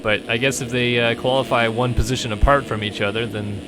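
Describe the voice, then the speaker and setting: A young man doing live play-by-play for an online motocross race, switching between excited calls and joking chat with his co-host. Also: medium pitch, brisk, over music. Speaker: race commentator and streamer. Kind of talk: live esports race commentary.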